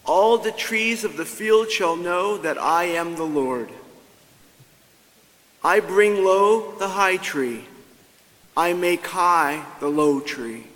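A man reads scripture in a high, clear voice, slowly and solemnly. Each phrase rings out into the long echo of a big cathedral-like church. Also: fairly bright tone. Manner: measured, solemn delivery. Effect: long cathedral-like church reverb. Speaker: lector. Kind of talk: slow liturgical scripture reading. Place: large church. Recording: long church hall reverb.

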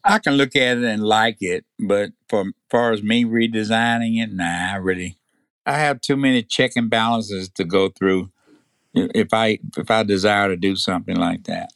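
A man's voice: fairly low pitch, moderate pace, fairly bright tone, dry recording, clean studio sound. An older man with a Tennessee Southern accent, chatting casually in hesitant, folksy phrasing. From Tennessee, United States. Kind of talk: casual chat.

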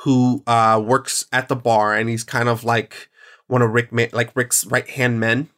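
A man's voice: mid-range voice, level tone, measured pace, a bit bright. A man hosting a podcast in casual chat, rambling and enthusiastic, with plenty of fillers and restarts. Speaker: podcast host.

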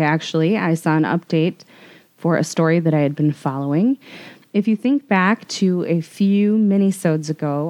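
A woman with a fairly low, mellow, relaxed voice presents a podcast segment. She is composed and explains things conversationally, as a co-host would. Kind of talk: news segment told conversationally.

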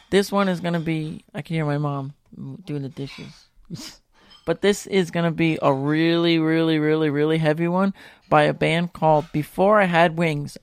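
A man's voice: on the high side, clear, resonant tone, no echo. Loose, joking young male radio host. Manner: loose, joking, profane and rambling. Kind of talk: casual live internet radio chat. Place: at home.

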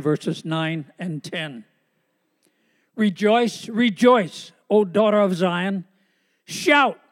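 A man with a big preacher's voice, proclaiming scripture as he reads it aloud at a pulpit microphone. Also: high voice. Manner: slow, proclaiming delivery. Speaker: pastor and missionary reading scripture. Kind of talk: formal scripture reading aloud. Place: large church hall. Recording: long hall reverb.

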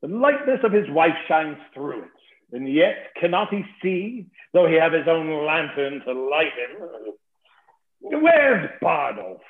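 A fat, boastful old knight, played by a man, rolls out his insults slowly and with relish, his pitch climbing and dropping theatrically. The sound is thin and phone-like, bouncing around an echoey room. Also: sing-song, heavily acted. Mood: indignant. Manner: blustering, mocking, savoring insults. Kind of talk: theatrical verse-play reading.

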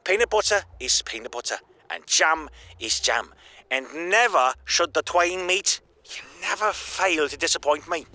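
Male actor as John-type pal: high, bright, defensive whiner who squeals when riled. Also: animated, a little slow, dry recording, exaggerated voice. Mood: whiny. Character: whiny indignant male friend on the phone. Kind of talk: audio drama acting.

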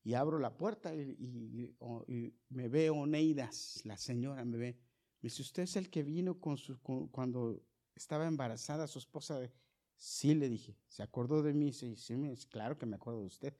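A middle-aged male pastor preaching a sermon, shifting from loud calls to the congregation to soft, low storytelling. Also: normal speed.

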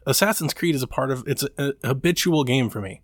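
A man's voice: medium pitch, expressive, quick pace, no room sound, studio quality. A man co-hosting a casual podcast, rambling and venting his frustration. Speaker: podcast co-host. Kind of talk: casual chat.

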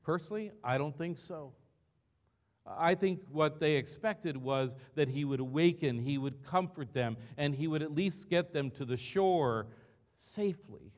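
A man's voice: a little high, measured pace. A man pastor preaching a sermon in a church, earnest and conversational, asking the congregation rhetorical questions.

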